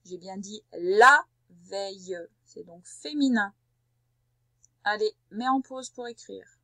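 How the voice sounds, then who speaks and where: A woman teacher leading a recorded spelling dictation for a young child, saying each syllable slowly and carefully and giving gentle step-by-step instructions. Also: medium pitch, no room sound. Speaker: primary school teacher.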